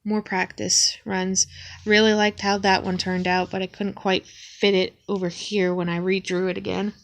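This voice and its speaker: A young woman with a sniffly cold shows off her sketchbook casually and hesitantly, with frequent ums and restarts. Her mid-range voice is flatly delivered at normal speed.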